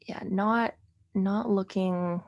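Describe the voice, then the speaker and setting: A young woman working through test questions as a tutor, talking them out loud with plenty of ums and the odd dry, sarcastic remark. Her voice sits at a middle pitch and has a light gravelly fry. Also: fairly even intonation, slow pace, muffled recording. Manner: thinking aloud with many fillers, dry sarcasm. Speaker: LSAT tutor. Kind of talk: explaining logic questions.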